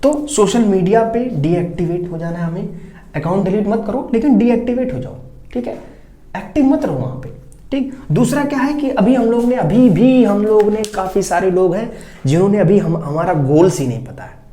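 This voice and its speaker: A teacher talks students through exam preparation in a relaxed, classroom-style way, keeping it direct and checking in every few sentences. The voice is soft and mellow. It sounds like an echoey room. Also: medium pitch, fairly quick. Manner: keeps checking in with "ठीक है", direct and advising. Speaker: teacher giving board exam tips. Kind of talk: casual classroom-style talk.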